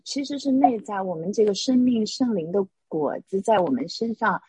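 Woman caller, very raspy voice, dry close sound, hesitant, halting. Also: mid-range voice, lively intonation, mellow, no echo. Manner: hesitant, searching for words. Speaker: caller asking for advice.

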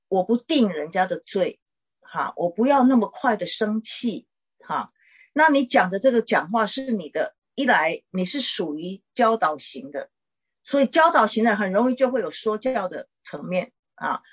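A middle-aged woman, a pastor's wife, gently teaching and counseling a caller in a chatty way with small laughs. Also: medium pitch, husky, muffled recording. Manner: warm conversational teaching, frequent "哈" tags and laughs.

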